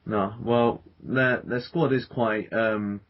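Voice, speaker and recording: A man's voice: fairly low pitch, fairly even intonation, takes it slowly. A man hosting a casual football podcast, talking with many fillers and restarts. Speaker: podcast host. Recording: dull lo-fi podcast audio.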